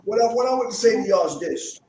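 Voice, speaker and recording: A man from New York City calling into an online discussion over a weak connection that fades in and out, speaking haltingly and checking that he can be heard. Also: high voice, lively intonation, darkish tone. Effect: breaking-up online call audio, fading in and out. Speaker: caller joining an online discussion. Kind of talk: casual discussion. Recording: echoey, distant, noisy call line.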